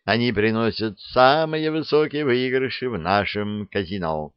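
A man's voice: lowish voice, a little slow, clean tone, dry recording, natural voice. A man voicing a suave, carefree male captain who talks in an airy, languid way. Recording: dull dry recording.

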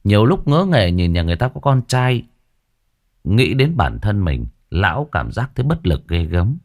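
A man narrating a ghost story in an expressive storytelling style. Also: fairly low pitch, moderate pace.

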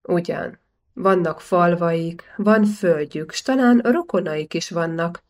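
A woman reading the lines of a shrewd, calculating older male banker in an audiobook, smooth and persuasive. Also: fairly low pitch, a little mellow, lightly acted.

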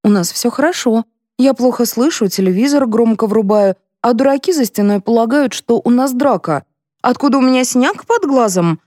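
A woman's voice: on the high side, lively intonation, darkish tone, no room sound, clean studio sound, voice pushed up. A woman reading a vengeful, screaming middle-aged woman who demands money, in an audiobook. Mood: defensive. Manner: screaming, demanding, raised and drawn-out. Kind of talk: audiobook character voice.

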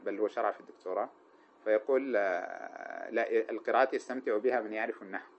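A man's voice: fairly low pitch, dull audio, a little hiss or hum. A man teaching a classical grammar text, explaining in a classroom manner, reciting verse and Quran lines and often posing questions to answer himself. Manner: asks rhetorical questions and answers them himself.

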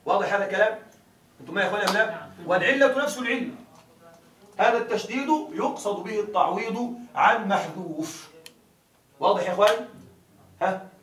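A male grammar teacher with a high voice lectures a class. He drags out each example word and keeps checking that the students follow, heard from a distance in an echoing room. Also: fairly bright tone. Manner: keeps asking students if it is clear; drawls example words slowly. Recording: echoey room, mic far off.

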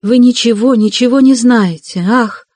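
A man reading an audiobook, voicing a timid, gentle young woman in a raised, soft and fervent voice. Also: high-pitched, unhurried, no echo, voice pushed up. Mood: pleading.

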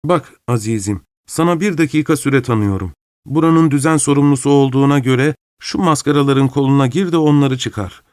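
A man voicing a drunk, brash masked man who bullies and mocks everyone, in a hoarse, booming voice. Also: a little fast, no echo, studio quality, natural voice. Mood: mocking. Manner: loud, taunting, jeering.

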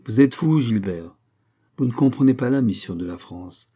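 A man's voice: medium pitch, animated, normal speed, warm tone, breathy edge. A man voicing a grandiose, mocking male mystic conspirator in an audiobook, with emphatic, sweeping, ironic delivery. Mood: lecturing. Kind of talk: audiobook reading.

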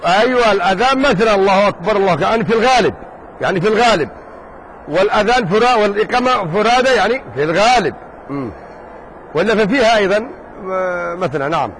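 A man teaching a jurisprudence lesson in a mosque circle, talking casually and lively, joking with his students and firing rhetorical questions at them. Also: sits high, fast talker, a little hiss or hum, poor audio. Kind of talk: informal classroom lesson.

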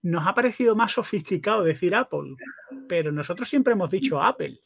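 A man's voice: high voice, expressive, fast talker, dry recording, studio quality. A man with a Spain accent hosting a podcast, chatty and enthusiastic, asking long questions. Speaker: podcast host. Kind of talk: casual interview chat.

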